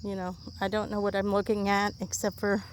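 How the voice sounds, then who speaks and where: A woman's voice: medium pitch, monotone, fairly quick, a little hiss or hum. A woman hosting a casual vlog outdoors in a horse pasture, chatting and rambling while she digs, a little out of breath. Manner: chatty, rambling, easily amused. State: slightly out of breath from digging. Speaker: vlog host.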